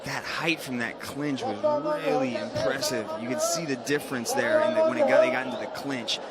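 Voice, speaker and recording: A man's voice: medium pitch, wildly swooping pitch, brisk, loud music behind the voice. A man giving live colour commentary on a fight, explaining it conversationally. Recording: loud arena crowd and noise. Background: crowd and arena noise.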